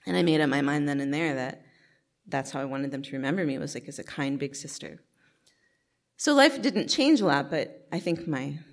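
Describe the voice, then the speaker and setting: A woman recounting a personal story in a reflective, hesitant way, with many pauses and restarts. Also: sits low. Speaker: storyteller recounting her childhood.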